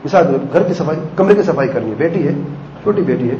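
Man preaching, chatty, acts out little family scenes, bit high and mellow, echoey dull sound. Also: animated, slight background noise. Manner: conversational, acting out family dialogues with rhetorical questions. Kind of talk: sermon on parenting.

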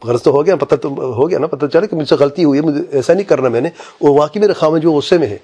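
Male cleric, husky dark voice, emphatic lecture with recited verses. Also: on the high side. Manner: emphatic, quotes Quranic Arabic, rhetorical questions. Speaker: Islamic scholar answering a question. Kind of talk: religious lecture.

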